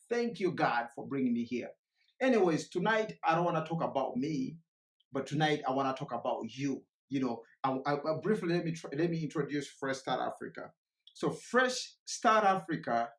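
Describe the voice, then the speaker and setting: A Ugandan man with a voice on the high side gives an energetic motivational presentation live from a remote location. He often repeats and restarts his words, and the sound is roomy.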